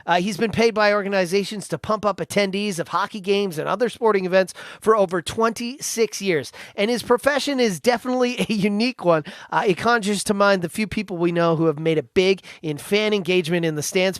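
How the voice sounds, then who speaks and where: A man with a notably high speaking voice hosts the show, reading a prepared introduction in a measured way before moving into questions. The recording is very dry and close, with no room sound around him. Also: no room sound. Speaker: podcast host. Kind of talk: scripted intro and interview questions.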